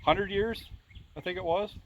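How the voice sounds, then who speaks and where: A man in his forties with a Midwestern American accent chats casually as a vlogger, interviewing a friend outdoors by an old rural bridge. His voice is high and a little slow, and the lo-fi recording carries a faint hiss or hum.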